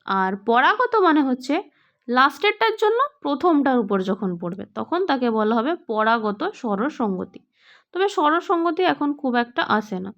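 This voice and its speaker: High-voiced female exam tutor, question-and-answer explaining, muffled lo-fi recording. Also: lively intonation, moderate pace, a bit bright. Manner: explanatory, asks questions then answers them. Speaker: exam prep teacher. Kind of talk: online grammar lesson.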